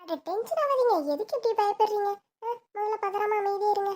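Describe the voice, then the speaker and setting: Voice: very high-pitched, a little fast, darkish tone. A child acting as a caring, fussy middle-aged mother who soothes and scolds her daughters. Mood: soothing.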